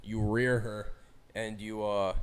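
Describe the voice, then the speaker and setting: A man's voice: on the low side, takes it slowly, a little hiss or hum. Crude joking young man, podcast co-host. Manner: crude, joking, animated banter. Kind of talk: casual chat.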